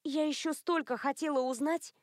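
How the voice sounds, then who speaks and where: A woman's voice: high voice, steady tone, moderate pace, no room sound, clean studio sound, pitched above the performer's own voice, close to an everyday voice. A woman voicing a bewildered young woman newly turned werewolf, indignant and questioning.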